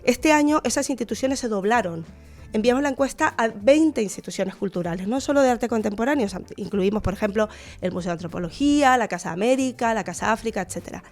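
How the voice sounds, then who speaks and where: Chilean woman with a high voice. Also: quick pace, a little mellow. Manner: thoughtful, many fillers and restarts. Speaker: guest researcher. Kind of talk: radio interview.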